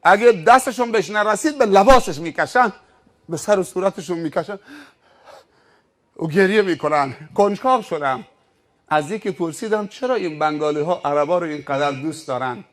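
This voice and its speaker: A male preacher giving a sermon, telling stories with rhetorical questions. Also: high voice. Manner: animated storytelling with rhetorical questions.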